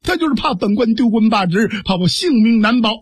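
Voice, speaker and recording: A man's voice: high-pitched, expressive, brisk, husky, no room sound. A male storyteller voicing a grieving, shaken male official who stammers. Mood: grieved. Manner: stammering, heavy-hearted.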